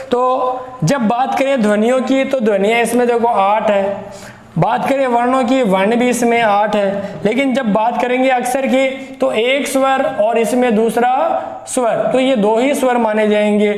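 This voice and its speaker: A man with a very high voice teaches a grammar lesson to exam students. He goes slowly, says each example word several times and questions his students as he builds the point. The sound is echoey, with the room ringing around him. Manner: slow, repeats words aloud to show how they sound; explains step by step and asks the students questions.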